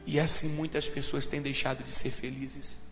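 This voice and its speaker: A man preaching a sermon as pastor, dramatic, moving between shouted lines and low, intense speech. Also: flat delivery, normal speed. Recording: long hall reverb with faint music.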